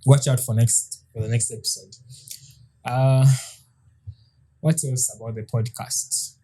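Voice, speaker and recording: Podcast co-host, male, 30s, very dark mellow tone, hesitant and halting in casual chat. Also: mid-range voice, fairly even intonation. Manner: hesitant, with frequent restarts and soft laughs.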